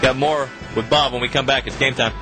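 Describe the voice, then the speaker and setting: A man hosting a sports talk radio show, brisk and upbeat between segments. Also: medium pitch, steady tone, music in the background.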